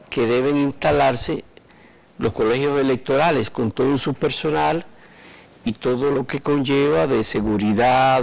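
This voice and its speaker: An older man, a political party delegate, explaining in a measured way during a TV studio interview, recorded on a lapel mic. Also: medium pitch, gravelly, poor audio. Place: TV studio set.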